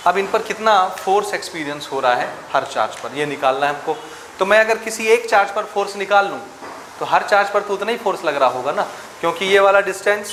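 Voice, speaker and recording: Speaking in a sharp tone and a slightly high voice, a man delivers a classroom physics lecture, doing the math aloud and putting questions to his students. The space echoes, and there's faint noise in the background.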